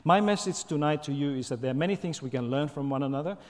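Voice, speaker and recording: Male lecturer from Finland, slightly high-pitched, engaging and playful; long auditorium reverb. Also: quick pace. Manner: lively and playful, coaxing the crowd, frequent "okay?" and "right?". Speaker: guest lecturer. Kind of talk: public lecture with audience participation. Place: large university auditorium.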